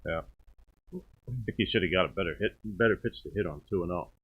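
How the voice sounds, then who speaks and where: A man's voice: low voice, husky. A man with a New York accent giving easygoing, analytical color commentary on a baseball game. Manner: analytical, easygoing, a little halting. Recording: tinny phone-like stream audio.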